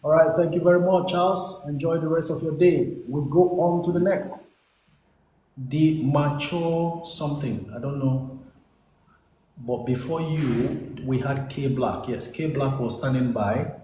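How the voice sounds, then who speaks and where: Nigerian English male host, encouraging sales-pitch coaching, mellow tone, roomy echo, faint hiss. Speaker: investment coach and livestream host. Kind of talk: live call-in coaching session. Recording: echoey room with faint hiss.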